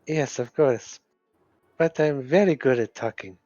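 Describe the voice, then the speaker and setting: A man's voice: medium pitch, a little slow, warm tone, dry recording. Man role-playing, dull dry mic, music behind. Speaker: player in a tabletop role-playing game. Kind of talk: casual game play, speaking in and out of character.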